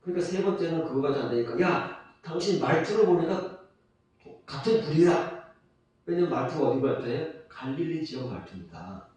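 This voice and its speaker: A man's voice: mid-range voice, mellow. A man preaching a sermon as a pastor, emphatic, repeating key phrases and asking rhetorical questions. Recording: distant mic, very echoey church hall.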